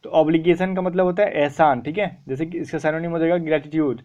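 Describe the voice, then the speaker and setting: A man's voice: on the high side, steady tone, fast, darkish tone, muffled recording. Chatty young man teaching vocabulary. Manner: chatty, repeats "theek hai", asks and answers his own questions. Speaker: online exam-prep vocabulary teacher. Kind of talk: casual Hindi-English teaching.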